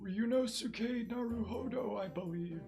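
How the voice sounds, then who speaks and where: A man voicing a courteous elderly male professor who speaks formally and slowly, over game music. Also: high voice, creaky, voice pushed up, poor audio. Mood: grave. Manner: formal, measured old-man delivery.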